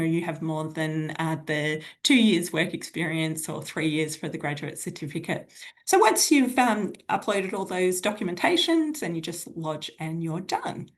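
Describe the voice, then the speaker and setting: A woman presenting university program details in a webinar, halting, with many ums and uhs. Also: fairly low pitch.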